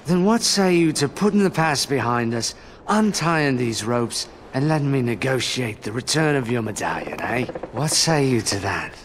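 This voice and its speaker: Male actor as wily game pirate captain, mid-pitched, wry and flippant, theatrical delivery. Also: expressive, moderate pace, a little hiss or hum, natural voice. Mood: wheedling. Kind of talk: video game cutscene acting.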